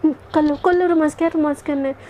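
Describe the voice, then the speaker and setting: A woman's voice: sits high, steady tone, fast talker, slight background noise, close to an everyday voice. A woman voicing a sleepy, hot-tempered young woman student who scolds her partner, in a storybook love tale. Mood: angry. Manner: grumpy, scolding, sharp retorts.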